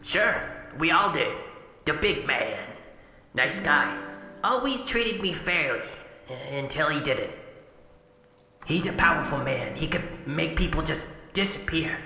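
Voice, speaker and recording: Video game: broken-down pleasure robot played by a woman, crude, streetwise, wistful drinker; low, bright voice. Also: lively intonation, unhurried, exaggerated voice. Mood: world-weary, confiding. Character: battered old pleasure robot, boozy, crude, touchy, wistful. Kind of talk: video game character acting. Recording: echoey hall with music. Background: music.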